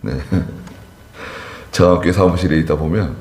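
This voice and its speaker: A male pastor preaching a sermon in an emphatic, animated way, often turning to the congregation with asides. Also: low voice, slow pace. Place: church sanctuary. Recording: echoey church hall.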